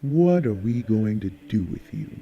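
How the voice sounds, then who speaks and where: A man's voice: fairly low pitch, sing-song, unhurried, lo-fi sound, voice pushed down. A man voicing a cold, sneering mob enforcer who taunts his captive. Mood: menacing. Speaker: audiobook character.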